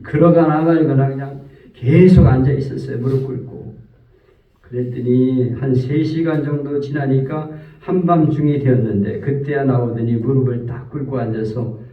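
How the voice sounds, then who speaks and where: A man's voice: medium pitch, fairly even intonation, normal speed. A man preaching a sermon as pastor, telling a story and acting out the people in it. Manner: storytelling, acts out quoted speech. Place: church sanctuary. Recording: roomy, distant, dull church recording.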